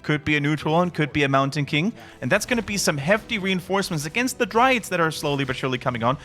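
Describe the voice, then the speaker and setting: Bright, excited Dutch game caster. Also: male voice, fast. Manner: excited play-by-play, rising pitch at big moments. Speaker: esports caster. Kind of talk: live game commentary.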